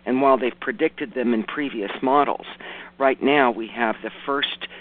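A man with a raspy, hoarse voice hosting a radio show, reporting news informally with folksy asides and stopping to correct himself. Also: medium pitch, normal speed. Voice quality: raspy, rough voice. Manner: self-correcting, hesitant delivery with folksy asides. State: hoarse from hay fever. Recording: muffled, narrowband radio broadcast.

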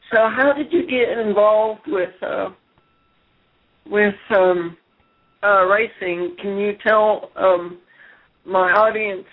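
High-voiced male host on speakerphone. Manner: loose, filler-heavy, halting. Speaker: internet radio host. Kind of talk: casual call-in show hosting. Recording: tinny speakerphone audio.

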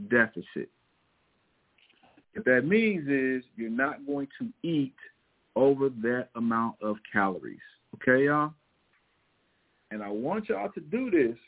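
A man with a Missouri twang giving casual, motivational coaching advice in a folksy, emphatic way, repeating his key points. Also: a little high. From Missouri, United States. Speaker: fitness and weight loss coach. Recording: thin phone-like audio.

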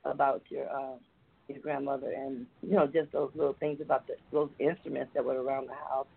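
A woman's voice: low-pitched, fairly quick, vocal fry, slightly rough, no room sound. A woman calling in to a radio show over a phone line, rambling and hesitant with many fillers. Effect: caller heard over a phone line.

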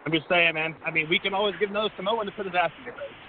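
High-voiced cocky male wrestler on a phone. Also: expressive, very fast. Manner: cocky, mocking, wisecracking. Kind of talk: wrestling promo banter and trash talk. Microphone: phone call. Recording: noisy, hissy, tinny phone line.

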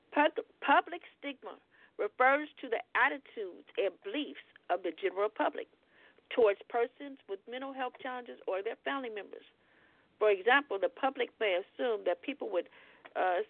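A woman's voice: on the high side, no echo, phone-quality sound. A woman hosting a radio talk show, reading definitions aloud and then explaining them in casual words. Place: radio studio.

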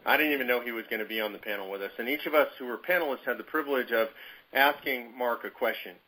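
A man's voice: medium pitch, fast talker, pushed and bright, husky, low-quality recording. A man telling a personal story to his movement's leaders on a conference call, in a conversational, emphatic way. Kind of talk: storytelling anecdote.

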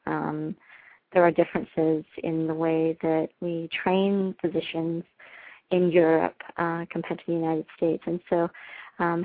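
A woman from England, a family physician, talking earnestly in an interview with many pauses and ums. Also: on the low side, no echo. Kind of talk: casual interview talk. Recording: dry, phone-like narrow sound.

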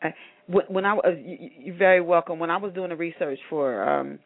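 Eager higher-voiced male host, phone-thin sound. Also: fairly quick, vocal fry, a little hiss or hum. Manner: enthusiastic, stammering repeats. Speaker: radio show host. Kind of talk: interview hosting. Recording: tinny phone-line sound.

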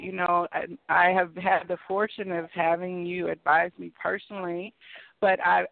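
A woman's voice: on the low side, no echo. A woman hosting a call-in psychic talk show in a chatty, upbeat way. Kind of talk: casual radio-show hosting. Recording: dry, tinny phone line.

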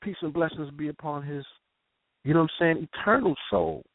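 Over a tinny phone line with no room sound, a guest tells an intense firsthand story in casual slang, frequently asking "you know what I'm saying." His voice is a little high and fairly quick, with big swings in pitch, in this raw, conversational retelling.

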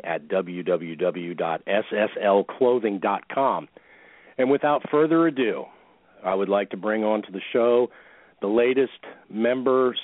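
A man with a fairly low voice comes through a narrow, phone-like connection, very dry. He hosts a wrestling radio show with a ringmaster's showman announcing, presenting everything as a billed attraction. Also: dry recording. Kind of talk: live wrestling talk radio hosting. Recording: thin, phone-like radio line.

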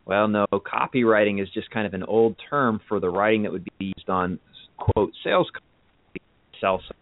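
A man being interviewed as a copywriter over a call whose audio keeps breaking up, explaining things in a relaxed way with restarts. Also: on the low side, normal speed, no echo. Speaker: guest copywriter. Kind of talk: casual interview chat. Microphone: phone or internet call. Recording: tinny, dry phone-call line.

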